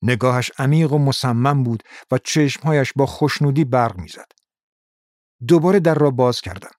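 A man narrating a crime novel as an audiobook in a steady, measured reading. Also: mid-range voice, no room sound, studio quality.

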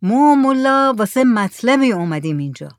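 A woman doing a brisk old village headman. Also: fairly high pitch, very animated, no echo, clean studio sound. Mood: coaxing. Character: village headman, older man, chatty and persuasive.

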